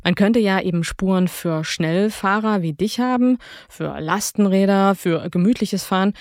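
A woman co-hosts a radio feature and explains ideas in a clear, lively way. Her voice is mid-pitched and recorded dry and close. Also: normal speed, no room sound. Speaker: co-host. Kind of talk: scripted radio feature chat.

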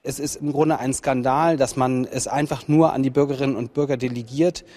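A man's voice: medium pitch, fairly even intonation, a little fast, dark tone. A man speaking for the opposition delivers a critical statement. He sounds indignant and pointed. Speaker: opposition politician. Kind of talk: political statement.

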